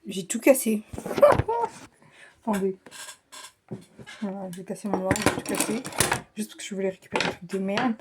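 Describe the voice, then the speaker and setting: A young woman chatting casually in a vlog, rushed and flustered, self-mocking, often dropping to a whisper. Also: mid-range voice, little pitch movement, very noisy. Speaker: vlogger.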